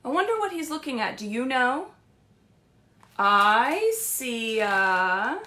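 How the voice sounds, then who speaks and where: Using simple words suited to little kids, a woman who works as a children's librarian leads a story time in a gentle, reassuring, high-pitched voice. The livestream audio has a roomy, echoey quality.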